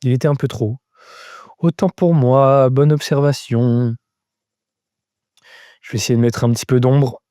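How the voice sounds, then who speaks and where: A man's voice: mid-range voice, fairly even intonation, a little slow, long pauses, mellow, no room sound, clean studio sound. A man giving a live-stream drawing lesson, thinking aloud step by step as he sketches and chatting casually with viewers. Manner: answers chat viewers casually. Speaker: drawing teacher.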